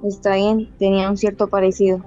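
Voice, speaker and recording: A woman's voice: mid-range voice, fairly quick, dull audio, faint music behind, lightly acted. A woman voicing a tired, evasive husband of fifty-six who dodges his wife's questions. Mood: weary. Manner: tired, flat, dodging answers. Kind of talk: audiobook dialogue reading.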